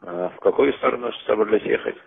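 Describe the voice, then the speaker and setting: A young man answers as a duty officer in a low-set, gravelly, husky voice. He keeps it terse and matter-of-fact, heard through a narrow telephone line. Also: fast talker. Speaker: police duty officer trainee. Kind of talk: official phone call. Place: phone call. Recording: tinny, band-limited phone line.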